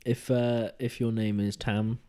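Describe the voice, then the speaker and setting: A man's voice: on the low side, level tone, measured pace, mellow, clear, resonant tone. A young man co-hosting a podcast, chatting in an easygoing, teasing way and laughing readily. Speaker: podcast co-host. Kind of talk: casual chat.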